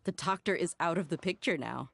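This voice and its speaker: A woman voicing a calm, thoughtful young female ally in video game dialogue, speaking in a measured, reassuring way. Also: on the low side, gravelly, no room sound.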